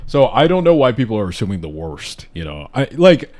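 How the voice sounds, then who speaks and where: A man's voice: on the low side, big pitch swings, fairly quick, a little mellow. A man hosting a casual live podcast chat, talking enthusiastically and rambling with restarts, hiccuping now and then. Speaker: host.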